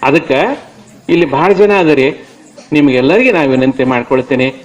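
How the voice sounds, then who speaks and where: A man's voice: mid-range voice, normal speed, low-quality recording. A man with a North Karnataka accent preaches a devotional sermon to a village audience. He speaks emphatically and keeps putting rhetorical questions to the crowd. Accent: North Karnataka Kannada. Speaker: religious discourse speaker.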